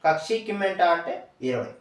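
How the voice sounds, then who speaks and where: A man's voice: high-pitched, sing-song, quick pace, far from the mic. A man giving a patient step-by-step language lesson, repeating each word twice and quizzing the listener. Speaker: language teacher. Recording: echoey room, away from the mic.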